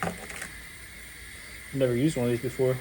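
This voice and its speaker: A man in his thirties hosting a casual home vlog, relaxed and thinking aloud as he works outdoors on a cold evening. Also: medium pitch, normal speed. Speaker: channel host and dad. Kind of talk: casual hands-on vlog chat. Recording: noisy outdoor camera recording.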